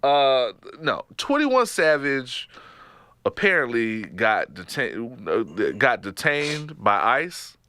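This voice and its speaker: Co-hosting a podcast, this Texas man with a Texas accent speaks slowly in a medium-pitched, clean voice, recorded dry. He's animated and joking, laughs often, and tends to trail off and start over in the casual banter.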